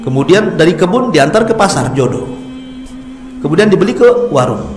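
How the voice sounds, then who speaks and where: A man with a notably high voice delivers a casual religious lecture, telling stories with lively humor and acting out quotes. His voice rings through an echoey room with faint music underneath. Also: moderate pace. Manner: lively storyteller, jokes with the audience, acts out quotes. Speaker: Islamic preacher.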